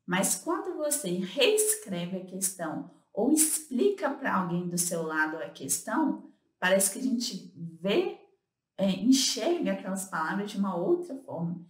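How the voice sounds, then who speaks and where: A woman, co-hosting and explaining study tips in a casual instructional way, often pausing on fillers. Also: mid-range voice, big pitch swings, roomy sound. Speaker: co-host giving study tips.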